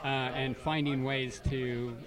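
A man's voice: mid-range voice, fairly even intonation, a little slow, distant mic, a crowd in the background. A man from Canada interviewing filmmakers, joking and stammering through his questions. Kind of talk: casual interview.

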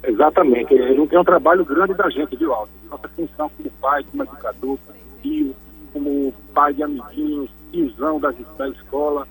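A man calling in to a radio show to explain technology topics, heard over a phone line, speaking in a measured, explanatory way with frequent restarts. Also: fairly high pitch, lively intonation, faint music behind.

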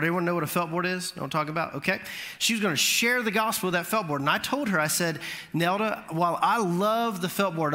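A man preaching a sermon, telling a lively story and rising in pitch at the funny moments. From Florida. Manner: animated storytelling, voice climbing high at punchlines. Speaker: pastor. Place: church sanctuary. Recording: long hall reverb.

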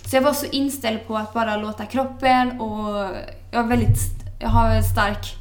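A young woman, a podcast guest, telling a personal story in a lively way and acting out the dialogue she remembers. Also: on the high side. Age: young adult. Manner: lively storyteller who acts out quoted dialogue. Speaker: interview guest. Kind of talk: casual podcast interview.

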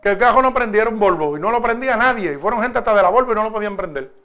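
A man's voice: high-pitched, lively intonation, racing, pushed and bright, soft background music. A man preaching a sermon, stretching out key phrases and telling stories in an emphatic cadence.

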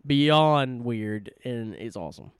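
A man co-hosting a casual podcast, reviewing comedy skits in an animated way and acting out their lines. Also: mid-range voice, very slow, clean tone, no echo, studio quality. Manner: animated, laughing, acts out skit lines. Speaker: podcast co-host.

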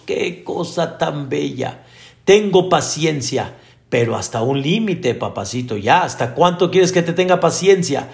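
A man preaching a sermon as a rabbi, telling stories with animation and asking his listeners rhetorical questions. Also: on the high side. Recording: echoey room.

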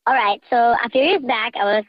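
A woman phones in to tell a story, her voice disguised by a voice changer that pushes it very high. She talks in a chatty, matter-of-fact way. The call sounds dull and lo-fi. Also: fairly quick. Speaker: radio show caller. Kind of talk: casual phone-in confession story.

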